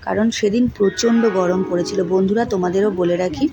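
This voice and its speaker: A woman hosting her own daily vlog, talking casually and keeping her voice low and hushed at times. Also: fairly even intonation, fast, music in the background, rough recording. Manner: soft-spoken, hushed at times. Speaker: vlogger.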